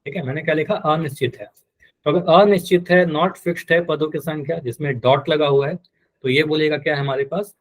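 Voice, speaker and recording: Male math teacher, slightly higher voice, patient drills, live online class. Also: fairly even intonation, normal speed. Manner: patient, repeats key terms and quizzes students.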